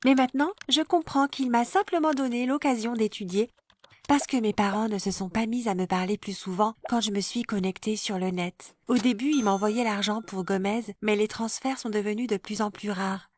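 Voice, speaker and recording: A woman calmly narrating a first-person life story in a scripted, even storytelling voice. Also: medium pitch.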